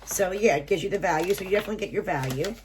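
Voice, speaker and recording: Speaking very fast in a low-leaning, slightly mellow voice, a woman who sounds nasal and congested, as if getting a cold, reads item lists and prices from a subscription box booklet. She adds chatty asides during this casual unboxing in a small room at home, with a little hiss or hum audible.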